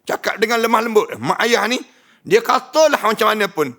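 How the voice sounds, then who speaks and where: A man's voice: sits high, animated, a little fast, sharp tone. A man with a northern Malaysian Malay accent, a religious lecturer giving a sermon to a live audience, exhorting them with repeated commands and rhetorical questions.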